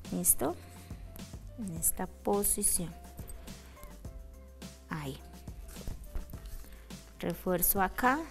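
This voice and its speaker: A woman teaching a step-by-step craft demonstration, checking in often with a quick "ready?" between steps. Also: fairly low pitch, expressive, vocal fry, faint music behind. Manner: checks in with a frequent "¿listo?". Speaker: craft instructor.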